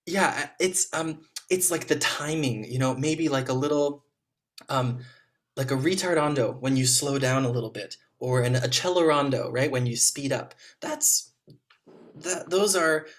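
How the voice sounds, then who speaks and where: A man's voice: mid-range voice, a little slow. Encouraging male juror on a video call. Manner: encouraging, gentle, frequent ums. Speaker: competition juror. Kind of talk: spoken feedback to young players.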